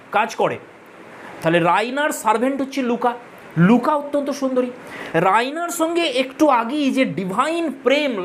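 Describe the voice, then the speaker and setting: A woman's voice: a little high, a little hiss or hum. A woman teacher giving a recorded literature lesson. She explains each point patiently, calls her viewers friends, drops English terms into her sentences and stops to spell out how names are pronounced. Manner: spells out and corrects pronunciations.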